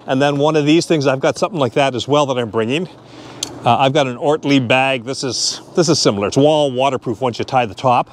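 Outdoors at a boat launch and gas station, a vlogger in his fifties chats and jokes his way through a casual narration. He talks a little fast at medium pitch into a lapel mic on his shirt, with a little hiss or hum.

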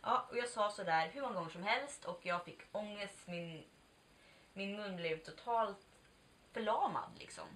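A female vlogger in her 20s has a medium-pitched, slightly bright voice. In a chatty, candid, casual-confessional way she tells a personal story, swearing occasionally and acting out pieces of dialogue, recorded through a distant mic with faint noise behind her.

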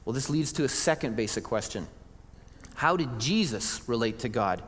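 Mężczyzna, pastor głoszący kazanie w pogłosie kościoła. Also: male voice, mid-range voice, animated, normal speed, a bit bright. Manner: earnest, conversational preaching with restarts. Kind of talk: sermon. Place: church sanctuary. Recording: church hall reverb.

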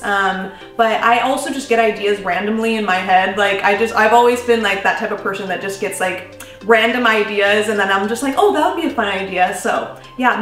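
Answering fan questions from home in a laid-back Q&A vlog, this twenty-something woman sounds a little high and a bit bright. She's bubbly and giggly, filling her speech with "like" and "um." There's roomy echo from her distance to the mic, plus some faint background music.

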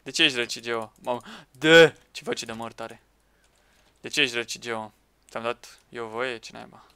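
Excitable young man, bright crisp voice. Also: medium pitch, no room sound. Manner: excitable, shouting at teammates, laughing. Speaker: gaming YouTuber. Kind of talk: Minecraft let's play commentary with friends.

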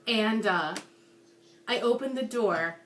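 A woman's voice: medium pitch, takes it slowly, fairly bright tone, slight background noise. A woman co-hosting a casual live stream, bubbly and giggly, chatting and greeting viewers by name. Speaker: co-host of a live makeup stream.

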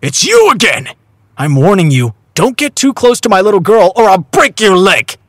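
A man's voice: high-pitched, huge pitch swings, a little fast, fairly bright tone, breathy edge, dry recording, studio quality, exaggerated voice. A man voicing a hot-tempered middle-aged chef who roars threats at his daughter's admirer. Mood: furious. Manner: roaring, threatening.

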